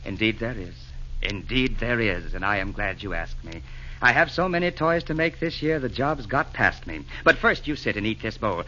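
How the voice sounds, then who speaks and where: A jolly, fussing old Santa Claus in a 1940s radio play. The voice is bright and forceful, swinging widely through hearty, theatrical rhymes. The old broadcast recording is dull and limited. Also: male voice, fairly low pitch, lively intonation, normal speed, slight background noise. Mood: hearty, hospitable. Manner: hearty, rhyming theatrical delivery.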